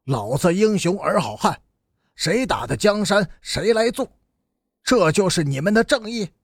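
A man's voice: high voice, expressive, a little slow, breathy edge, no room sound, clean studio sound, full character voice. A man voicing a bitter, cynical young brawler who sneers defiantly. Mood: sneering.

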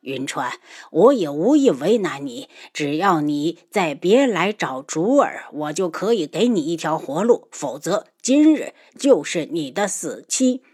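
A woman's voice: low-pitched, very animated, measured pace, darkish tone, slightly rough, heavily acted. A woman doing a scheming old nobleman, cold and sneering. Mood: menacing. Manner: sneering, menacing. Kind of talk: audiobook character voice.

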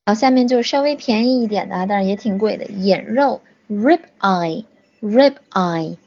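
A woman teaching an online English lesson, saying each English word slowly, repeating it, and praising her learners between items. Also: a little high, mellow. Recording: dull lo-fi audio.

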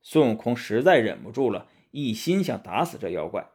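A man narrating a storybook in an expressive, rising-and-falling storytelling manner. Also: mid-range voice, moderate pace.

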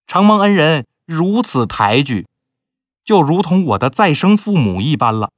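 A man's voice: a little high, very animated, measured pace, dry recording, clean studio sound, voice pushed up. Man voicing a humble orphaned young lady. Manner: humble, formal, polite. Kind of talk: storytelling with character voices.

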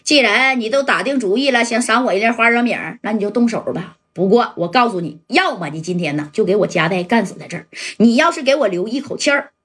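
A woman voicing a tough male gang boss in a spoken crime story, making cold, measured threats. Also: a little high, lively intonation, a bit bright, husky. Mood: threatening.

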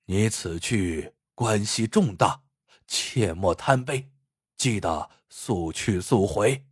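A man voicing a stern, shrewd elderly mother-in-law who speaks slowly and heavily in a storybook reading. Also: fairly low pitch, sing-song, husky, dry recording, clean studio sound, full character voice. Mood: grave, deliberate. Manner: slow, heavy, measured speech.

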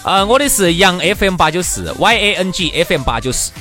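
Man, Sichuanese accent, high pitch, lively, teasing, casual comic banter. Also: a little fast, soft background music. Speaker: talk show co-host.

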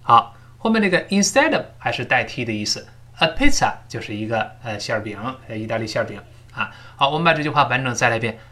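A man teaching English pronunciation in a recorded lesson, drilling phrases slowly and explaining sounds step by step. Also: mid-range voice, sing-song, bright, forceful tone.

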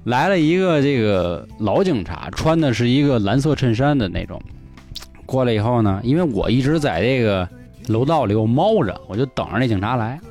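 A man tells a long story on a casual podcast. His pitch swings up and down a lot, and he acts out each exchange. Faint music plays under him. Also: moderate pace. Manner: animated, acts out quoted dialogue, laughs often. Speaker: podcast host.

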